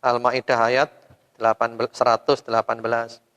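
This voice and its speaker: A man preaching a sermon to a women's study group, at an ordinary middle pitch. He keeps firing rhetorical questions at the audience, jumping up loud, then dropping to soft, trailing endings. His voice rings with a long hall reverb. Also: level tone, moderate pace. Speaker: Islamic preacher.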